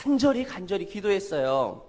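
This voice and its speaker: A high-pitched man preaching a children's sermon as a lively story. He keeps asking the children questions and coaxing them to answer along with him. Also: a little fast. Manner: animated, asks the children questions. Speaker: children's pastor.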